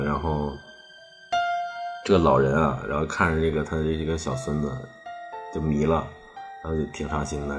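Faint background music accompanies a deep, very low-voiced man spinning a spooky story for a ghost-story podcast. He speaks casually and meanders, linking one clause to the next with "then" and looping back over the same phrases.

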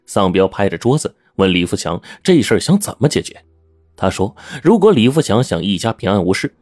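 低沉而抑扬顿挫的男说书人. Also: male voice, on the low side, no room sound, studio quality. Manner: lively, colloquial, chatty asides. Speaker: storyteller. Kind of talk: oral storytelling.

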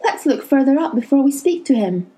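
A woman voicing a steady, protective boy of about twelve who speaks in quiet, firm tones in a storybook reading. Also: high voice, fairly quick, voice pushed up.

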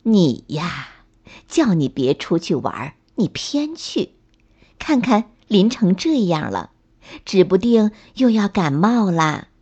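A woman voicing a patient mother rabbit in a storybook, speaking low and soft with a gently reproachful, sighing tone. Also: sing-song, slow pace, breathy edge, full character voice. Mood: scolding. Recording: slightly dull lo-fi recording.

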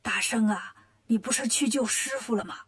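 A woman voicing an old male earth god in a hushed, low whisper for a storybook. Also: moderate pace, husky.

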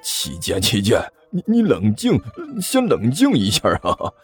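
A man voicing an older male sect master, sly and coaxing, speaking slowly and placatingly in a storytelling narration. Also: fairly low pitch, huge pitch swings, slightly rough, faint music behind, exaggerated voice. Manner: slow, drawn-out, placating. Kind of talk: storytelling narration with character voices.

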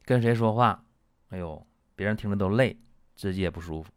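Middle-aged TCM doctor, lower voice, dry close sound, chatty case-study lecturer. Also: male voice, fairly quick, clear, resonant tone, dry recording. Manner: chatty storytelling with many "啊" and "对吧" asides. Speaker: traditional Chinese medicine doctor.

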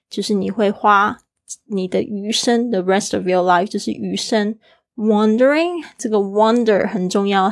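A woman's voice: medium pitch, darkish tone, no room sound, clean studio sound. A woman hosting a bilingual English lesson, patiently explaining and spelling out vocabulary, her throat a little sore. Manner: explains words patiently, repeats and spells them out. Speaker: English teacher and podcast host.

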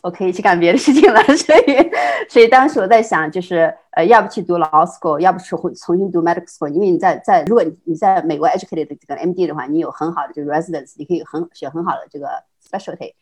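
A middle-aged woman from China talks as an interview guest, recounting her past at a brisk clip. Her voice sits a little low, and she often stumbles over repeated words before laughing and pushing on. The tone is casual and chatty. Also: darkish tone, breathy edge. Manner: fast, with many repeated words and restarts, frequent laughs. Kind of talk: casual conversational storytelling.

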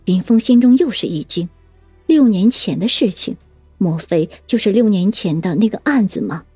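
A woman's voice: mid-range voice, expressive, moderate pace, mellow, husky, no echo, soft background music. A woman narrating a serialized detective novel, moving between plain narration and teasing character voices. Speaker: audiobook narrator.

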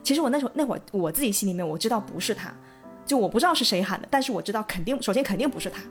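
A woman co-hosting a casual podcast, telling a childhood story in a lively way and laughing often. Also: mid-range voice, very fast, faint music behind. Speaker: podcast co-host.

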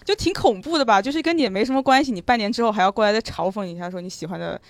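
A young woman telling her own story in a casual chat, animated and restarting her sentences. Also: mid-range voice, racing, dry recording. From China. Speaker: guest listener.

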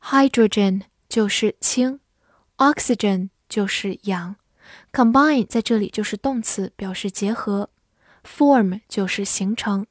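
A woman leads a scripted English vocabulary lesson, spelling words out letter by letter and reading example sentences slowly. Her pitch is medium, and the studio-quality recording has no room sound.

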